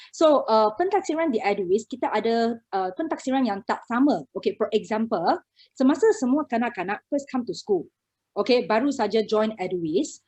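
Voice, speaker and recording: A Malaysian-accented woman with a slightly high voice speaks as a guest presenter on preschool education. She delivers an informal talk, switching between Malay and English and marking each point with short interjections. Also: a little mellow. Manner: mixes Malay and English, punctuates points with "okey".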